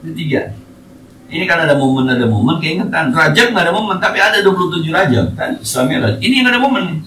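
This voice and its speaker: Male mosque teacher, lively teasing lecture style, roomy distant mic. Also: on the high side, racing, a little hiss or hum. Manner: lively, teasing, colloquial with Arabic quotes. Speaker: religious teacher. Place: mosque hall.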